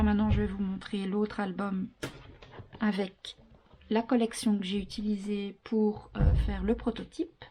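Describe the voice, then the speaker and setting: A woman's voice: medium pitch, darkish tone, a little hiss or hum. A woman with an accent presenting a handmade scrapbook album at home in a chatty, step-by-step craft tutorial. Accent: non-French accent. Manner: chatty, counts and explains step by step with fillers.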